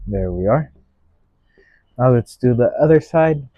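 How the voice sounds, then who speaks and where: Slow, gentle male painting instructor. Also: medium pitch, expressive, dry recording, highs cut off. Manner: gentle, unhurried painting instructor, musing aloud in short phrases. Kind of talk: unscripted painting tutorial narration.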